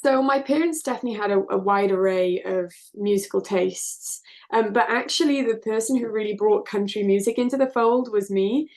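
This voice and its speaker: In a darkish, mid-range voice at a moderate pace, a woman in her 20s from South Wales, UK talks about her work as a singer-songwriter during an interview. Her answers are earnest, open and reflective.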